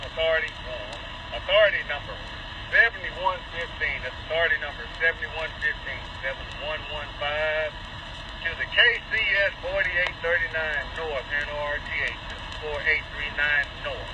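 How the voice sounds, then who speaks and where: A man's voice: on the high side, moderate pace. A man on a train crew speaking over a two-way radio, methodically reading numbers back digit by digit. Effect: two-way radio transmission. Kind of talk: radio procedure talk. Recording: muffled radio with engine noise.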